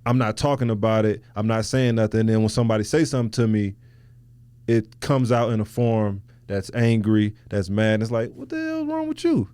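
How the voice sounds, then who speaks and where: A man's voice: lowish voice, little pitch movement, fairly quick, warm tone, clear, resonant tone, dry recording. A man hosting a podcast, talking reflectively in loose, slangy, casual conversation. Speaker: podcast host.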